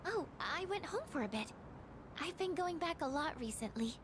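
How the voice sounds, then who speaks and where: High-voiced, shy anime schoolgirl. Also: animated, normal speed, noisy background. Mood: gentle, hesitant. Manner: soft-spoken, hesitant. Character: gentle, shy teenage schoolgirl in anime game. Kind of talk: dubbed anime game dialogue.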